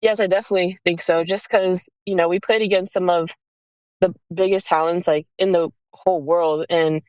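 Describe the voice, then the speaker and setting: Her voice is lowish and a little mellow, with fairly even intonation at a moderate pace, in a dry recording. She's a young American woman in her early twenties, a college basketball player chatting casually as an interview guest, often saying "like" and "you know".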